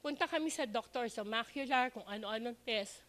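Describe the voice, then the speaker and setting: Older woman, Filipino accent, high voice, earnest church testimony. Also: moderate pace, fairly bright tone. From Philippines. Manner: earnest, mixing in English phrases. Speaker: church member giving testimony.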